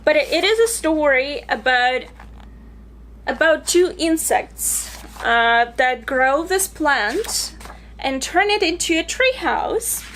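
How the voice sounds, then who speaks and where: A woman's voice: high-pitched, animated, slow pace, a bit bright, a little hiss or hum. A young woman from Bulgaria chatting enthusiastically through her book reviews in a casual vlog.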